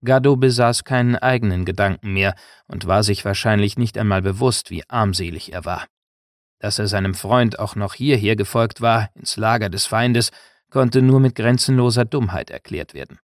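A man reading an audiobook in measured scripted narration. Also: fairly low pitch, no echo, studio quality.

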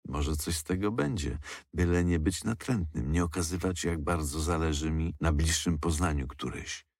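A man narrating an audiobook in a calm, even reading manner. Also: very deep voice, normal speed, dry recording.

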